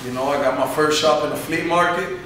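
This thirty-something barbershop owner, interviewed sitting down inside his shop, offers earnest motivational answers full of "you know." His voice is on the high side and a little fast. The camera mic sits far off across an echoey room, and the background is noisy.

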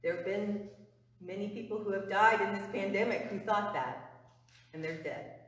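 A woman's voice: medium pitch, moderate pace. Woman pastor preaching in a roomy church. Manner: earnest, emphatic preaching, dropping to a hush on key phrases. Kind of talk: sermon. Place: church sanctuary before the altar. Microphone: far camera. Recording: roomy church reverb, far from mic.

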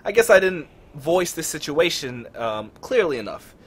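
A man's voice: a little high, very animated, normal speed, slightly rough. A man voicing a skeptical, irritable young male gamer, sarcastic and exasperated.

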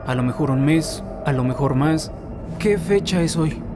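A man voicing a desperate captive who is losing his mind in an animated horror parody. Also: on the high side, measured pace, natural voice. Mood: desperate, weary. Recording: loud music behind.

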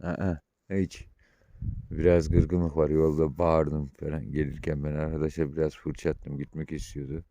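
A shepherd films himself outdoors at night and talks casually to his viewers in a very deep, dark voice. He swings between calm updates and loud, fond calls to his dog. The phone-camera sound is dry and close. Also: normal speed, hardly any pauses, dry recording. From Turkey. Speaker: shepherd vlogger. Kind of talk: casual vlog talk to viewers.

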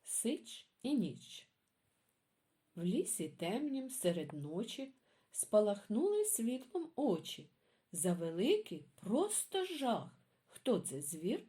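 Бібліотекарка виразно читає дитячі віршики та розповідає про авторку. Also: female voice, mid-range voice, takes it slowly. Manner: expressive, storytelling. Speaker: librarian. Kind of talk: reading children's poems aloud.

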